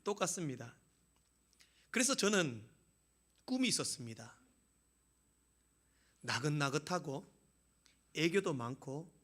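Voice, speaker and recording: A man's voice: a little high, a bit bright. A man preaching a sermon as a pastor, telling jokes and stories with emphatic exclamations.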